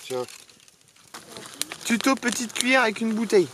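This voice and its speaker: A man's voice: extremely high pitch, big pitch swings, normal speed, background noise. A man chatting casually outdoors in a forest at night, telling jokes with lots of hesitations. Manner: joking, storytelling with hesitations. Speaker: vlogger. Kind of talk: casual chat.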